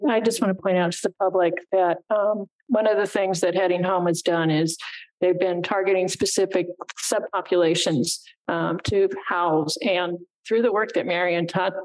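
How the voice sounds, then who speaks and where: A woman's voice: on the low side, steady tone, normal speed, darkish tone, no room sound, poor audio. Woman, county commissioner, public meeting, earnest, emotional.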